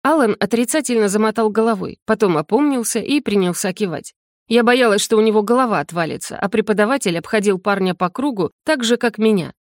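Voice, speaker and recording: A woman calmly reading a first-person audiobook narration. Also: mid-range voice, fairly quick, dry recording, clean studio sound.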